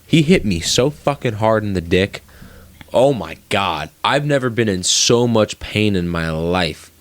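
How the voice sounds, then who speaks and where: A young man co-hosting a podcast, telling stories in fast, profane, animated casual chat. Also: on the low side, no echo. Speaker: podcast co-host.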